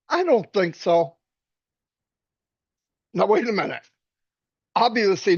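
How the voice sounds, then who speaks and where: A man on a webinar telling a story in a casual, animated way, acting out the voices he quotes and restarting often. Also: sits high, no echo, highs cut off.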